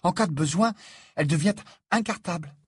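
A man's voice: high-pitched, fairly quick, breathy edge, no echo, studio quality, voice pushed up. A man voicing a clever, earnest teenage girl witch in an audiobook, sounding precise and reproachful. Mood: knowing. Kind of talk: audiobook character voice.

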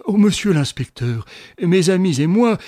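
A man's voice: high-pitched, animated, measured pace, warm tone, dry recording, clean studio sound, pitched above the performer's own voice. A man doing an insistent old general. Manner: emphatic, raised and pressing delivery. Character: old male army general, insistent and proud.

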